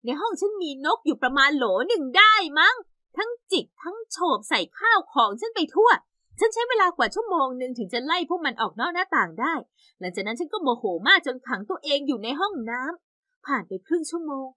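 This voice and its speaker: A young woman narrating an animated story in the first person with lively, exaggerated storytelling. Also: high voice, a little fast, no echo, studio quality.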